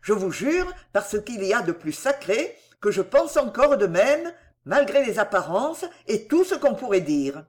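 Woman reading an agitated, jealous gentleman. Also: medium pitch, very animated, measured pace.

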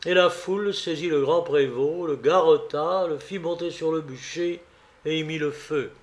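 A man reads a folk tale aloud at an unhurried pace. His voice sits somewhat high for a man. The reading is measured and even. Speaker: narrator. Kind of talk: storybook reading.

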